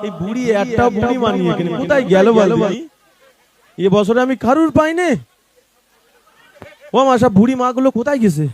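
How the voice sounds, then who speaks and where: A man, a devotional street singer, switching between drawn-out sung songs and affectionate, teasing banter. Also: very high-pitched, animated, a crowd in the background.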